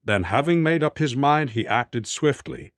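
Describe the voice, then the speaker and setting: A man reads an audiobook at a middle pitch, steady and even in his storytelling. The recording is close and dry, with no sense of a room. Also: measured pace, dry recording. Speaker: audiobook narrator. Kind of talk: scripted narration.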